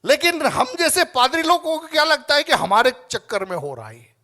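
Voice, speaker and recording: A man preaching a fervent sermon as pastor, moving from quiet asides to loud calls for the congregation to answer back. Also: very high-pitched, huge pitch swings, normal speed. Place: church hall.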